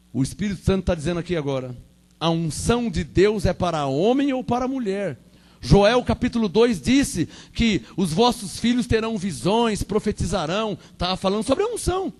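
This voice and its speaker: Fervent high-voiced Brazilian preacher. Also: male voice. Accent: Brazilian Portuguese. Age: 40s. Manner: fervent, repetitive, swings between loud proclamation and quiet asides. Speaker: pastor. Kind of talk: Pentecostal sermon.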